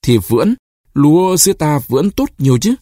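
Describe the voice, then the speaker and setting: A proud, anxious old village man who stammers when he is shaken, his voice swinging widely up and down, as a man reading the story aloud puts him on. The voice is a little husky, and the sound is close and dry. He comes through an audiobook of a short story. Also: a little high, sing-song, brisk, dark tone, no echo. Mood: chatty.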